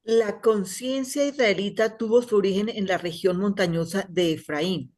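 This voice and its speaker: A woman's voice: mid-range voice, normal speed. Woman reading a text aloud. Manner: steady reading with small slips and self-corrections. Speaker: reader in a study group.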